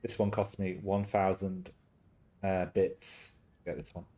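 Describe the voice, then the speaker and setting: A man's voice: low-pitched, level tone, takes it slowly, warm tone. Chatty man streaming a game. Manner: chatty, jokey, easily sidetracked. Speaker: streamer reading a visual novel aloud. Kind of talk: casual live-stream chat and game narration.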